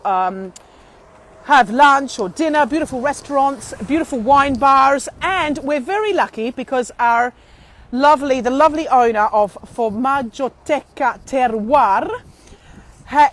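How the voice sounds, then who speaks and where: A middle-aged Australian woman chatting to viewers on a live walking vlog, effusive and theatrical, full of endearments. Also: high-pitched. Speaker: tour operator and live vlog host. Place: outdoors on a city street and bridge. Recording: windy outdoor street noise.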